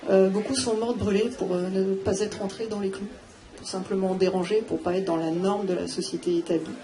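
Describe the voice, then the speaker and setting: Woman rambling on a panel, lots of pauses, noisy live recording. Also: medium pitch, steady tone, dark tone. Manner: halting, thinking aloud with many fillers. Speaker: round-table panelist. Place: theatre hall.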